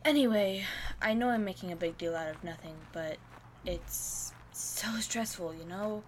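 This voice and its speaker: A woman's voice: mid-range voice, brisk, a little hiss or hum, close to an everyday voice. A woman playing a stressed, overworked young college student, speaking conversationally in an audio drama. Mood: stressed, weary. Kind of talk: naturalistic audio drama acting.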